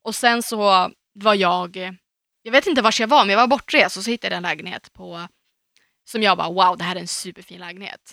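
A woman from Umeå, co-hosting a podcast in casual chat, telling stories lively and acting out quotes. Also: medium pitch, vocal fry, no echo, clean studio sound. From Umeå, Sweden. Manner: lively storytelling, acts out quotes, swears casually.

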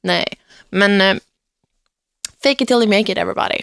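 A young woman hosts a casual podcast with an animated storytelling manner. She acts out quotes and laughs often. Her pitch sits mid-range and the sound is close and dry. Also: vocal fry, dry recording. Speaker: podcast host.

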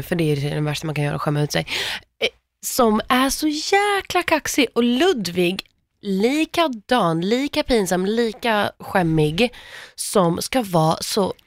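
A woman's voice: medium pitch, big pitch swings, no echo. A woman co-hosting a podcast, bluntly dismissing both sides of an argument. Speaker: podcast co-host. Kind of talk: casual commentary.

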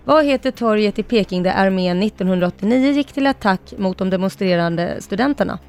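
A woman co-hosting a radio show, reading quiz questions briskly and joking with her co-hosts. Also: mid-range voice, lively intonation, darkish tone, clear, resonant tone. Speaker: radio co-host and quizmaster.

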